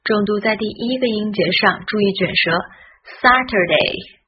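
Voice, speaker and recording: A woman teaching English pronunciation in a careful lesson, spelling out letters and modeling each sound slowly. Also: medium pitch, slight background noise. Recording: dull, lo-fi recording.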